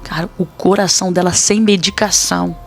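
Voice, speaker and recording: A woman's voice: on the low side, fairly even intonation, a little fast, vocal fry, faint music behind. A woman pastor with a Brazilian accent, telling a personal testimony in a podcast interview in an earnest, dramatic way. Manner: earnest, dramatic storytelling with quoted dialogue.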